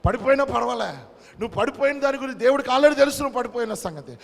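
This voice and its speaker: A man's voice: very high voice, lively intonation, racing, gravelly, long reverb tail. A male pastor preaching a sermon with emphatic repetition, switching between his own language and short English phrases.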